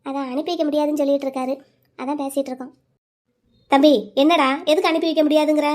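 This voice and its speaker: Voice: sits high, little pitch movement, quick pace, a little mellow, pitched below the performer's own voice, lightly acted. A woman doing a stern old cartoon grandmother. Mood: scolding. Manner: insistent, scolding. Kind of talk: cartoon storytelling.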